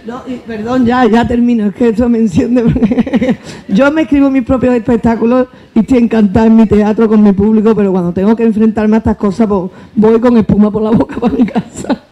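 An actress and comedian with an Andalusian accent speaks briskly in a voice on the high side, with the highs cut off in the recording. On a panel in a book fair hall, she recounts anecdotes, laughing expressively and acting out dialogue.

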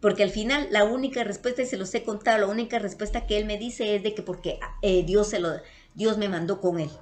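A woman's voice: mid-range voice, fairly even intonation, fairly quick. Earnest Guatemalan woman telling a story. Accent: Guatemalan Spanish. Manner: affectionate, earnest, repeats herself, addresses viewers as "my loves". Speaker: vlogger. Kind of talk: casual storytelling to viewers.

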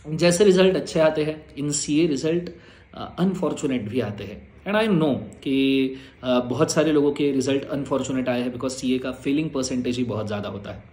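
A man giving students an earnest, reassuring motivational talk as their exam teacher. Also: mid-range voice. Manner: earnest, reassuring, mixes Hindi and English. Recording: roomy echo.

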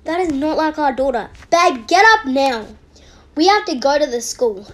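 A woman's voice: high-pitched, a little mellow, natural voice. A woman doing a flustered, alarmed mom. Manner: alarmed and hurried. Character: anxious, flustered mother. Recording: noisy home recording.

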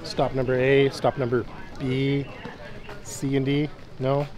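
A woman's voice: rumbling low, little pitch movement, slow pace, crowd noise, low-quality recording. A woman vlogging her travels in a playful, jokey way, laughing often between remarks. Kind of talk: casual travel vlog chat.

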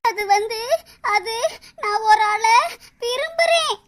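A woman voicing Vasuki, a shy, tearful young village girl in a cartoon, who speaks in a hesitant, halting way with a southern Tamil Nadu rural dialect. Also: extremely high pitch, steady tone.

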